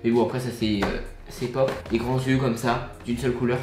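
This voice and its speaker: A man's voice: medium pitch, level tone, brisk, roomy sound, music in the background. A young man with a French accent chatting casually while showing his toy collection in an upbeat vlog. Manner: chatty, upbeat, many fillers and asides.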